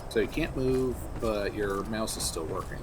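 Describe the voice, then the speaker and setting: A man chats casually as he games. His voice is on the low side. Clear background noise comes along with it. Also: normal speed. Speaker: gamer. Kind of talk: casual gaming chat.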